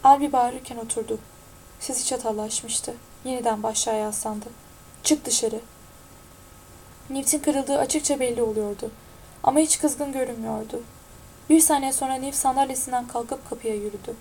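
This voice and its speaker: A woman narrating an audiobook in a steady, even-toned reading. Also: fairly high pitch, a little fast, a little hiss or hum, rough recording.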